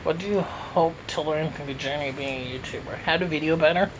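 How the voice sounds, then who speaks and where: A man's voice: a little high, a little fast, background noise. A man from Canada answering questions in a casual mukbang Q and A, talking with his mouth full as he eats, recorded on a phone. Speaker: YouTuber answering viewer questions.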